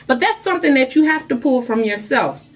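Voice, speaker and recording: A woman's voice: high voice, lively intonation, brisk. A young adult woman vlogging a motivational talk to her viewers, emphatic and preachy, calling them "y'all" and "guys".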